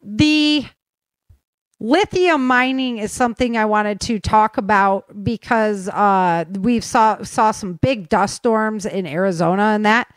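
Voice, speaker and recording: With a medium-pitched voice, an American woman hosts a relaxed podcast news roundup. She chats directly with her listeners and sprinkles in opinionated asides. There is no echo on the recording.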